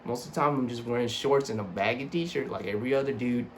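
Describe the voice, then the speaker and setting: A young man talks like a casual vlogger with a slight slur from his braces. He rambles and swears, putting himself down as he reviews, in a middle-pitched voice. Faint noise from the room sits behind him. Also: fast. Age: young adult. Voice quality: slightly slurred speech from braces. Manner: sweary, self-deprecating, rambling. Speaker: sneaker reviewer. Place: small home room with computer desk.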